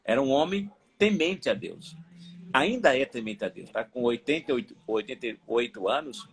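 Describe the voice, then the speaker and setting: A middle-aged man, a pastor telling his testimony as a guest, animated and repeating words for emphasis. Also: medium pitch, moderate pace, husky. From Aracaju, Brazil. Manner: animated storytelling, emphatic repetition. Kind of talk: personal testimony in a live interview.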